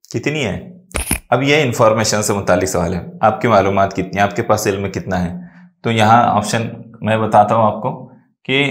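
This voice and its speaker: A man's voice: medium pitch, reverberant. A man with an Urdu accent teaching a grammar lesson for exam preparation, patiently asking questions and then answering them himself.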